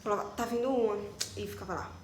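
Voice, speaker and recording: In an echoey room with faint ambience and a touch of hiss or hum, a young Brazilian vlogger talks fast in a mid-range voice. She casually recounts something personal, animated and full of asides and fillers like "tipo" and "né."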